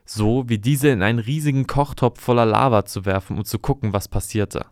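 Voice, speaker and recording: A man calmly reading a fairy tale aloud in an even storytelling manner. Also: medium pitch, fairly quick, no room sound, studio quality.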